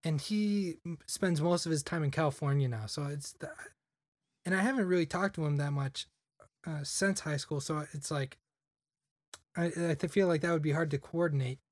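A young man, a podcast guest, chats casually and rambles with plenty of "like" fillers. His voice sits a little high and moves at a moderate pace, captured dry with studio quality.

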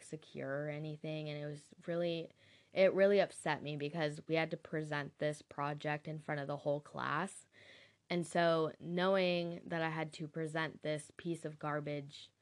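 A young woman telling a candid, casual story about her school days, swearing now and then and laughing at herself. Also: low voice.

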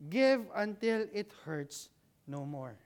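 Slow, smooth, and sing-song, a mid-range voice leads a conversational sermon in a church hall. The preacher raises questions and answers them, punctuated by many a "right?", while checking on the congregation and dropping in jokes.

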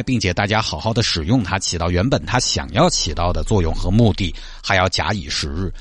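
A man's voice: low-pitched, breathy edge, no echo. A man with a Sichuan accent hosts a radio show, giving casual, colloquial commentary on the news and chatting directly to listeners. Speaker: radio host.

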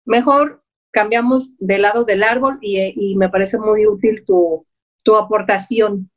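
A woman's voice: mid-range voice, steady tone, measured pace. A woman coach giving an earnest, encouraging talk that speaks straight to the listener. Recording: dull lo-fi audio.

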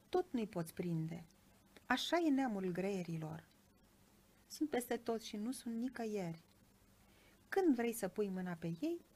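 A woman voicing a calm, wise old mother in a storybook reading, speaking softly and quietly. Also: on the high side, slightly rough. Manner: soft, hushed.

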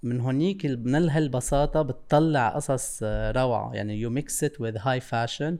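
A man with a Lebanese Levantine accent talks in a mid-pitched voice. His delivery is casual and halting as he searches for words, often switching between Arabic and English. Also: a little mellow. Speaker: interview guest, creative stylist.

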